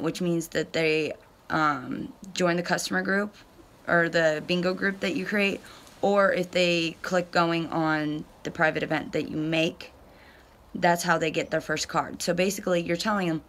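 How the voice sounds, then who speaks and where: A woman's voice: fairly low pitch, fairly even intonation, measured pace, a bit bright. A woman in her thirties giving a casual, matter-of-fact tutorial to camera, recorded on a phone on a covered porch. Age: 30s. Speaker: direct sales consultant giving a tutorial. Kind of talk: casual explanatory talk to camera. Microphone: phone at arm's length or propped close. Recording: faint outdoor background noise.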